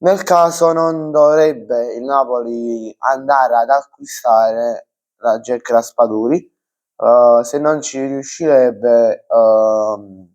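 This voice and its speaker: A man's voice: mid-range voice, slow, a little mellow, poor audio. A young man giving an unscripted football transfer news rundown for his channel, full of fillers and restarts. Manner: hesitant, many fillers and restarts.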